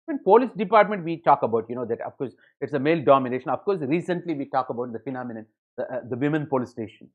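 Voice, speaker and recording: Fast-talking man lecturing. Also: mid-range voice, expressive. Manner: rapid, filler-heavy, addresses students as ladies and gentlemen. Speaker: exam coaching educator. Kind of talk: online lecture. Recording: dull lo-fi lecture audio.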